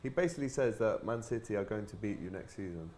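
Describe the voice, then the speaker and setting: A man's voice: on the low side, lively intonation, fast talker, darkish tone, a little hiss or hum. A man hosting a live football watch-along, reading viewer comments aloud in a casual way. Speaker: live stream host reading chat.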